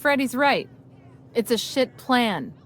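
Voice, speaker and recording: Tough, sarcastic female scavenger, a little higher voice, game NPC. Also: big pitch swings, slow pace. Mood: scornful. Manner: blunt, sarcastic, tough-talking. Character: scrappy tough female salvage freelancer. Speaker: game character.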